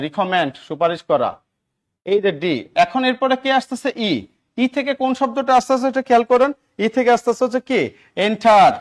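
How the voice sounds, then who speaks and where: Bangladeshi guy teaching english prep class, high voice, keeps asking "ok?" to the students. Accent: Bangladeshi Bengali. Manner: drills students with repeated check-ins. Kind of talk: classroom lecture.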